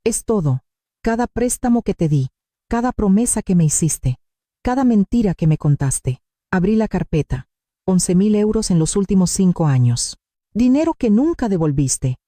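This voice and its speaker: A woman narrating a dramatic story in the first person, steady and emphatic. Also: mid-range voice, moderate pace, no echo, clean studio sound.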